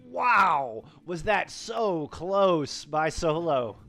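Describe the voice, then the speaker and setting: A man casting an esports match, bubbling with hype as he breaks down the plays. His voice sits high and bright in pitch for a man. He talks in quick, excited bursts. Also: vocal fry. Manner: excitable, hyped, shouts of praise. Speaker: esports co-caster. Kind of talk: esports post-match commentary.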